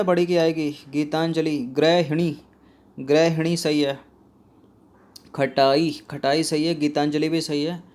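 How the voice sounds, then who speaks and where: A man with a fairly high, slightly mellow voice teaches spelling by walking his students through an exam practice test. He poses a question to them and then supplies the answer himself.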